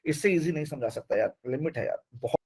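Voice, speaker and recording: A man teaching a live online class, animated and repetitive, often urging students to reply. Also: fairly high pitch, fast, gravelly, husky.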